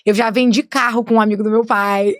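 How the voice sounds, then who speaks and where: A woman's voice: fairly high pitch, steady tone, quick pace, dry recording, studio quality. A woman, chatting as a guest on a podcast, tagging her sentences with "né?". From Rio de Janeiro state, Brazil. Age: 20s. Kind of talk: casual podcast conversation.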